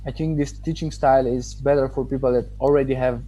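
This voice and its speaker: Speaking in a relaxed interview, a Romanian-born student offers his testimonial in his mid-range, mellow voice with fairly even intonation. Romanian is his first language, and his delivery is thoughtful and hesitant, full of pauses and false starts. Faint music sits under a low-quality recording.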